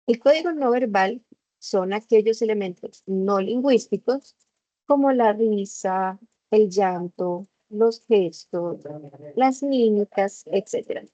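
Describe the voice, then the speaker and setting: A woman teaching a lesson over a video call, explaining slowly and putting questions to the class. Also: medium pitch, dark tone, no echo. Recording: slightly dull video call audio.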